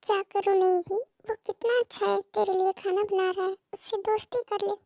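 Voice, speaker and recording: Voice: very high-pitched, little pitch movement, a little fast, creaky, a little mellow, dry recording, studio quality. A performer playing a middle-aged mother who talks bluntly and teases and scolds her daughter on the phone. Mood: chiding.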